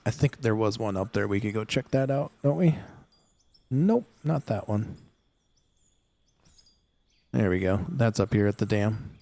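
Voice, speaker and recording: This streamer's voice sits on the low side and sounds gravelly yet mellow. He speaks a little slowly and expressively, with long pauses. Chatty and addressing chat directly, he rambles through a casual gaming stream full of fillers and false starts.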